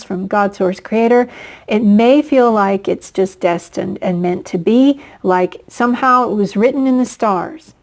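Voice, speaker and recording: A woman giving a solo oracle card reading, earnest and encouraging, pausing often on fillers and slowing into invocations to the angels. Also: on the high side, darkish tone, poor audio. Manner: slow invocations addressed to angels.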